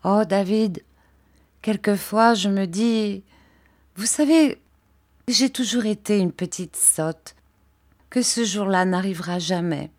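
A woman voicing a frail, childlike young wife who speaks softly, eagerly and with great affection. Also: medium pitch, slow, long pauses, close to an everyday voice. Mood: tender. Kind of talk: audiobook character voice.

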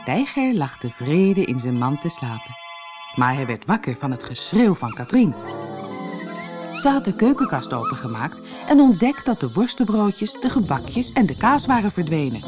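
Expressive low-voiced woman storyteller. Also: normal speed, music in the background. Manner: lively, expressive. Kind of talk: audiobook fairy tale narration.

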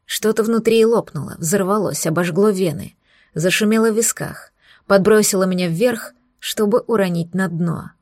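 A woman's voice: mid-range voice, normal speed, a little mellow, dry recording. Dry, intense woman audiobook narrator. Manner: intense, dramatic storytelling. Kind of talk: first-person audiobook narration.

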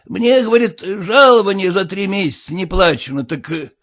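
A man's voice: high voice, animated, moderate pace, fairly bright tone, voice pushed up, heavily acted. A man reading an audiobook, voicing a kindly captain who fusses and hesitates with filler sounds. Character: kindly fussing old captain. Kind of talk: audiobook character voice.

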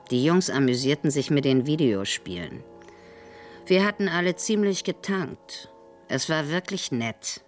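An actress playing a frightened young woman narrating her own plight in a tense inner monologue. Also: low-pitched. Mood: content. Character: frightened young woman, nervous, planning to flee. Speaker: narrator-protagonist.

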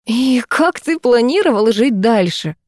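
A woman reading an audiobook, voicing a furious, scornful young woman who lashes out in raised, sharp outbursts. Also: on the high side, lively intonation, measured pace, no room sound, clean studio sound, pitched above the performer's own voice.

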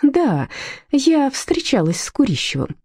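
A woman reading a storybook aloud, voicing a bold, sharp-tongued woman who stands up for her dog. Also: high-pitched, big pitch swings, a little slow, no room sound, studio quality, voice pushed up, heavily acted. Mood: warm teasing.

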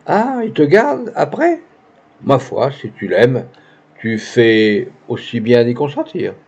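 A man's voice: medium pitch, big pitch swings, slow pace, vocal fry, darkish tone, breathy edge, heavily acted. A man reading the lines of a young actress with pompous, gushing phrasing, in a dull lo-fi recording. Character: young woman, pretentious theatrical actress.

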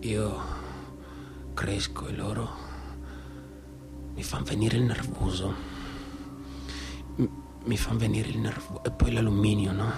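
In a radio theatre monologue, an actor plays a disturbed young man from the provinces, speaking with a northeastern Italian accent in a halting, repetitive, colloquial way. His lowish voice barely moves in pitch and carries vocal fry, sounding anxious and obsessive. Music plays in the background.

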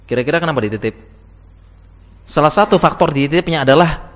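Chatty man lecturing in a reverberant hall. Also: mid-range voice. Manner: chatty, asks the audience questions, laughs often. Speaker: teacher giving a talk to Islamic school teachers. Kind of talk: casual lecture.

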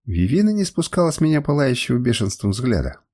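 Husky, lively male audiobook narrator. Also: mid-range voice, fast talker. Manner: expressive, dramatic reading. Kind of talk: first-person audiobook narration.

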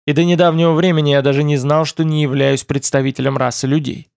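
Audiobook: man reading a prickly, hungry young man, slightly high, grumbling sarcasm. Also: flat delivery, fast talker, vocal fry, darkish tone, smooth, no room sound, studio quality. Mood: sullen. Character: cheeky, hungry young man, prickly about his past.

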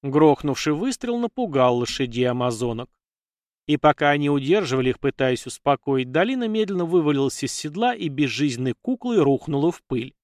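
A man narrating a fiction audiobook with a steady storytelling read into a close mic. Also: a little high, a little fast, no echo.

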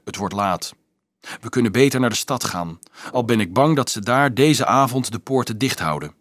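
A man reading an audiobook, voicing a quiet young male student who speaks calmly and sorrowfully. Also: mid-range voice, normal speed, no echo, studio quality. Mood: grave. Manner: calm, sparing, subdued speech.

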